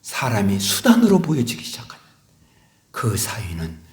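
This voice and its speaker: A middle-aged male pastor preaching a sermon, swinging between loud emphasis and hushed whispers. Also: lowish voice, huge pitch swings, moderate pace. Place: church sanctuary. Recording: echoey church hall.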